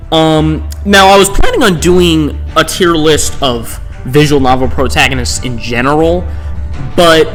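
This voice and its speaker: A man hosting tier-list videos gives casual, unscripted commentary, rambling into digressions and often tagging his statements with "right?" to check in. His voice is on the high side with a fairly bright tone.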